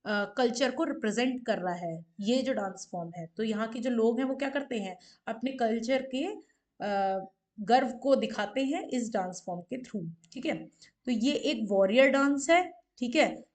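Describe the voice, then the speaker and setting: A woman's voice: a little high, moderate pace, a little mellow. A woman teacher giving an exam-prep lecture on folk dances. She keeps asking questions and confirming with "ठीक है". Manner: explanatory, repeats questions and "ठीक है" often.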